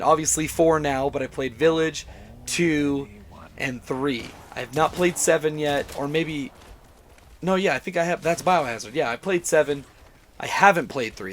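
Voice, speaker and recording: A man hosting a gaming channel talks through a casual game review, his mid-range voice hoarse and mostly gone after being sick. He's enthusiastic, rambles a bit and often corrects himself. There's slight background noise.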